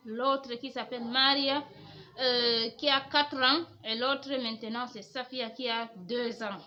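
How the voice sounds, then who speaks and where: Slow and soft-spoken, a Cameroonian woman with Fulfulde as her first language reads and answers questions in an FAQ vlog about home organisation. Her voice is on the high side, she pauses frequently and sounds hesitant, and the audio is slightly muffled with faint hiss.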